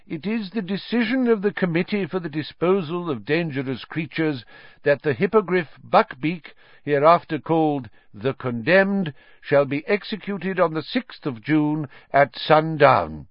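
A man's voice: fairly high pitch, expressive, unhurried, no echo, pitched above the performer's own voice. A man voicing a fussy, nervous middle-aged official who reads a formal notice in an audiobook. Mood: officious. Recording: slightly muffled dry studio audio.

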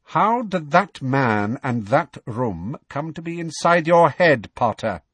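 A man's voice: sing-song, takes it slowly, fairly bright tone, husky, no echo, exaggerated voice. Man doing a cold, menacing schoolmaster. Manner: low, dangerous, clipped. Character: cold, sneering male teacher, menacing.

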